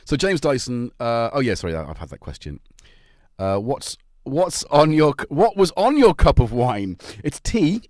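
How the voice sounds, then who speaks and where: Jokingly greeting viewers by name, a middle-aged man with a North Welsh accent runs a casual livestream from his home in North Wales. His mid-range voice is sing-song with a darkish tone, at a moderate pace. The sound is clean studio audio with no echo.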